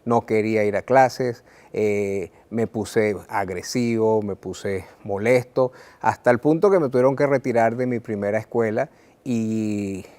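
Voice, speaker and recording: A man's voice: lowish voice, a little mellow. Earnest Venezuelan man, personal talk. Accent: Venezuelan Spanish. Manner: earnest, measured, with frequent "eh" and repeated words. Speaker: writer sharing his life story. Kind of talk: reflective personal talk to camera.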